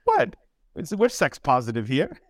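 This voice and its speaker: A man in his forties co-hosting a casual podcast, animated and slangy, laughing easily. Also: medium pitch, brisk. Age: 40s. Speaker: podcast co-host.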